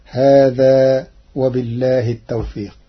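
Slow, husky male recitation teacher. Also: medium pitch, level tone. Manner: measured, quotes verses then explains. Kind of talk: explaining recitation variants. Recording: dull lo-fi recording.

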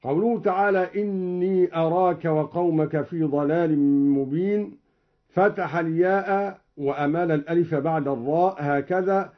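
A man teaching a recitation lesson, explaining each reading and then chanting the verse in a measured, melodic way. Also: on the high side. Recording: dull lo-fi recording.

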